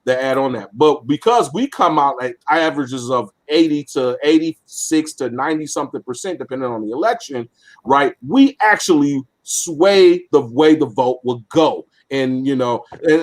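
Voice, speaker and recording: A man's voice: medium pitch, expressive, normal speed. A man with a mid-range voice co-hosts a casual political discussion. He explains terms and the voting process step by step, with frequent fillers and small restarts. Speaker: podcast co-host.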